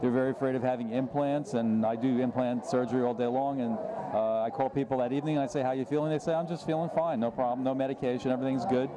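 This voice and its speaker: A man giving an informal interview as a dentist guest, speaking haltingly and repeating words. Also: mid-range voice, steady tone. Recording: loud urban ambient noise.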